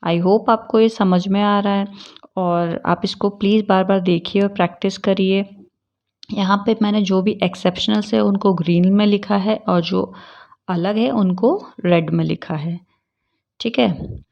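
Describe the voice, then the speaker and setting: A woman's voice: mid-range voice, fairly even intonation, a little slow, vocal fry, a little mellow, highs cut off. A woman teaching English pronunciation in a lesson, explaining patiently, repeating words and asking questions back to the viewer.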